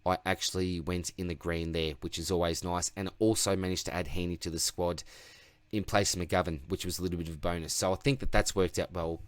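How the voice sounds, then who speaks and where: Reviewing his fantasy football team on his own sports channel, an Australian host talks in a low, fairly even voice at a fairly quick pace. He rambles casually and pokes fun at himself, though his voice is wearing out. The recording is dry.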